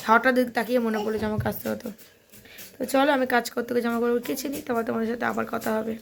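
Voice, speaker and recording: A woman's voice: a little high, steady tone, rapid-fire, vocal fry. A young woman with a sore throat, vlogging at home in a tired, weary way. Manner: tired, complaining, talks to her child. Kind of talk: casual chat. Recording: noisy home phone recording.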